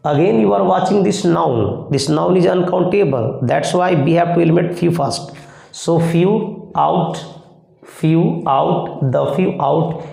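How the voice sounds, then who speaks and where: A man's voice: fairly high pitch, creaky, dark tone. A man with an Indian English accent teaching a grammar lesson, explaining step by step and asking the class questions as he goes. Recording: echoey room.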